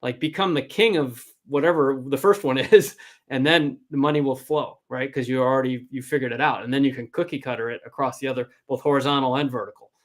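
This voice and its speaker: A man's voice: medium pitch, fairly even intonation, a little fast. A man giving informal, blunt and emphatic advice as an angel investor coaching a founder, often checking in with "right?".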